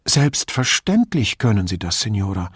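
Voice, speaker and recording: Man reading a policewoman, ingratiating, lively, slightly raised. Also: on the low side, moderate pace, breathy edge, no echo, studio quality. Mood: flattering. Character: female police officer, brisk and flattering.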